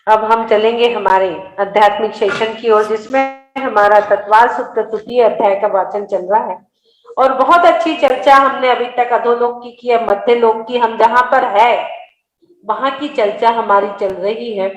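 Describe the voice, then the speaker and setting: A woman's voice: fairly high pitch, fairly even intonation, moderate pace, reverberant, rough recording. A woman leading an online scripture study class, patiently correcting her students' pronunciation word by word. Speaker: religious study class teacher. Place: online video meeting.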